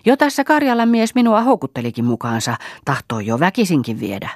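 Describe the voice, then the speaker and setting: A woman voicing a defiant, sharp-tongued young wife with a raised voice, in an audiobook. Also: a bass voice, sing-song, breathy edge, no room sound, clean studio sound, exaggerated voice.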